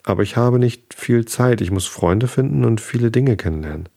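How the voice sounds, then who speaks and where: A man's voice: medium pitch, animated, moderate pace, vocal fry, voice pushed up. Man reading as an earnest young boy prince. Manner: soft, questioning storybook reading.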